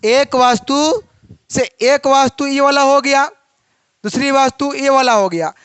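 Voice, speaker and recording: A man's voice: very high voice, a little slow, a bit bright, dry recording. A young man teaching a physics class, asking questions and then answering them himself.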